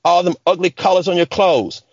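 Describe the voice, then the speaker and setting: A man voicing a loud, quick-tempered aunt who taunts a little boy, in a brash way of talking, read from a story. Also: high-pitched, dry recording, dull audio. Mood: mocking, angry. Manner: brash taunting Southern-style speech.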